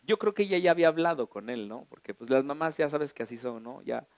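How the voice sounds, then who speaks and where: Mexican pastor guy, middle-aged, tells a funny story in a sermon, kinda high voice, dry close sound. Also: fast talker, no echo. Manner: animated, humorous, colloquial storytelling.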